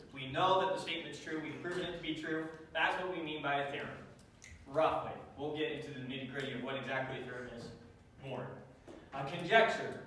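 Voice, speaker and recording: A man's voice: a little high, a bit bright, a little hiss or hum. Echoey far-off male math teacher. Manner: dry joking, quizzes the class. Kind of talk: classroom lecture. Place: classroom. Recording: echoey classroom taped from far off.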